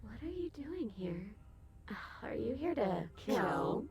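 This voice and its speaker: Sex: female. Figure: a creepy princess in a horror game. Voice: creaky, slow and drawn out, with high, swooping pitch. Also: very animated, full character voice. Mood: eerie. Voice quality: creaky, unsettling. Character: eerie princess in a dark basement, woman.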